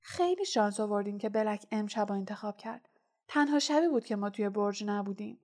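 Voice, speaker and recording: A woman reading a storybook voices a clever, anxious teenage schoolgirl who explains things in a rapid, know-it-all way. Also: mid-range voice, lively intonation, darkish tone. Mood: worried. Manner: quick, know-it-all lecturing.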